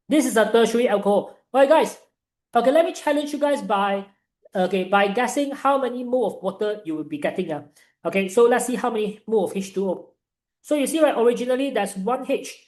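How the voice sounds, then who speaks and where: A young man with a Malaysian accent tutoring online in informal, Singlish-like English full of local particles, animated and encouraging. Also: high voice, echoey room, rough recording. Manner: animated, encouraging, peppering talk with "right" and "ah". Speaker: chemistry tutor.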